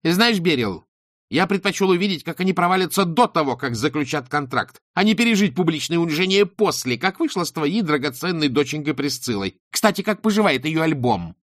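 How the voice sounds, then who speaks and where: Man doing a flustered male judge, stammering, hesitant, lively pitch, dry. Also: slow pace, smooth, no echo. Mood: defiant.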